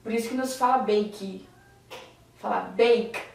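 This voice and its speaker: A woman teaching English vowel sounds, repeating each word slowly to drill the pronunciation. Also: a little high, slight background noise. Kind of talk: slow classroom-style vowel lesson. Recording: roomy echo, voice a bit far from the mic.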